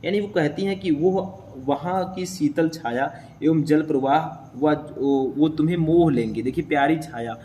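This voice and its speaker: A man's voice: on the high side, normal speed, hardly any pauses, warm tone, slight background noise. Young male teacher explaining a poem. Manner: repetitive, checks in with the listener. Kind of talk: explaining a Hindi poem in class.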